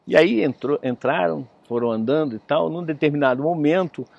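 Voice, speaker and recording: A man's voice: a little high, normal speed, gravelly, no room sound, highs cut off. A man giving a spiritist lecture, telling a story in a conversational way, often adding tag questions. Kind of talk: storytelling sermon.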